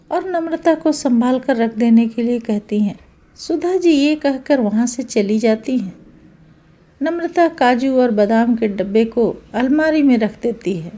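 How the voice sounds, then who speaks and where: Lady reading out a family story, slow, high but mellow voice. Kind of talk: scripted story narration.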